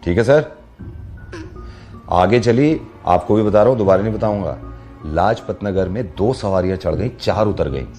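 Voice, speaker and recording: A man's voice: fairly low pitch, expressive, moderate pace, warm tone, faint music behind. A man hosting a radio prank call, telling jokes and riddles in a chatty, teasing way. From based in Delhi. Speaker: radio host making prank calls. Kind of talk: playful prank call banter. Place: radio studio.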